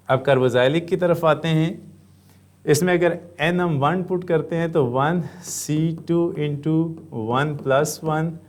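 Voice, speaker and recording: A man with a Pakistani Urdu accent teaching a chemistry lesson, explaining step by step and answering his own questions, with frequent "uh" pauses. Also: a little high, a little mellow. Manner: often says "uh". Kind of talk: classroom lecture.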